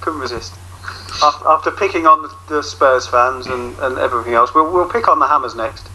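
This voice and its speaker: A man's voice: mid-range voice, fairly quick, pushed and bright, a little hiss or hum, rough recording. A man making dry, sarcastic remarks in casual podcast banter. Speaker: podcast panellist.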